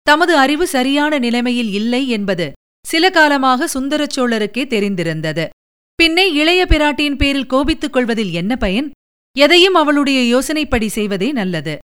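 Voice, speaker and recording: A woman presenter narrating a serialized novel aloud in a measured, expressive reading style. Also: high-pitched, smooth. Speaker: presenter and storyteller. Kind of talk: scripted audiobook narration.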